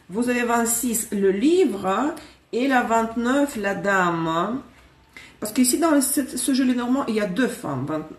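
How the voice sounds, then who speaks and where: A woman's voice: mid-range voice, reverberant, far from the mic. A woman from Russia with a Russian accent, chatting casually through a live tarot reading, correcting herself and joking as she goes. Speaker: tarot reader.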